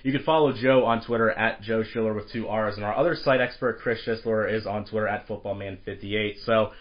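Guy hosting a sports podcast, bit raspy from a cold, lowish voice, kinda muffled audio. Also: steady tone. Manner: brisk, with frequent uh fillers. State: has a cold, slightly raspy. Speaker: podcast host. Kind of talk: sports podcast intro and discussion.

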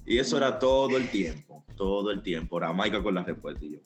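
A man's voice: on the low side, a little fast, reverberant, faint music behind. A young man, chatting casually as a student podcast guest and acting out his own stories. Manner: animated storyteller acting out dialogue. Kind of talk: casual chat.

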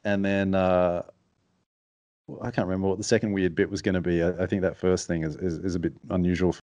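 A podcast guest who is an author and strategist speaks in a very deep, low voice that is mumbly and soft, with little pitch movement. He talks fast yet quietly and reflectively in a casual interview, close to the mic. The sound is dry and close, with no room sound.

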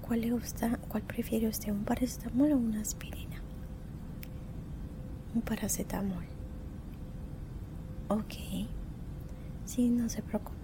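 A woman doing an ASMR role-play as a courteous, caring flight attendant, speaking softly and politely into a close microphone. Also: steady tone, slow, pauses often. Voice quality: soft, mostly unvoiced soft voice. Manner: gentle, attentive, polite service talk with diminutives. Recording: rumbling background noise.

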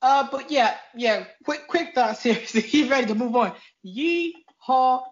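A man's voice: very high voice, normal speed. A man hosting a podcast, chatting casually over a video call in a rambling, self-deprecating way. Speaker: podcast host. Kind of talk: casual review chat. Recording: dull lo-fi call audio.

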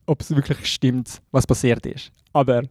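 A man's voice: medium pitch, fairly even intonation, normal speed, darkish tone, dry recording, studio quality. A young man with a Swiss German accent, a podcast co-host telling a story in a rambling, self-mocking way, mixing in English slang. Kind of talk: casual chat.

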